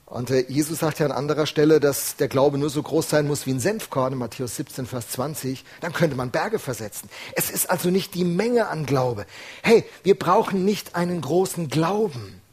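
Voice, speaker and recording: Husky-voiced man preaching a sermon. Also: a little high, moderate pace, darkish tone. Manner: earnest, emphatic, with rhetorical questions.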